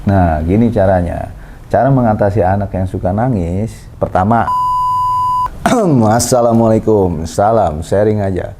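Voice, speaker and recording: Deep, mellow-voiced man explaining calmly. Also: moderate pace. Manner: calm, explanatory, lecturing tone. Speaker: host. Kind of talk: casual parenting chat. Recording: faint background noise.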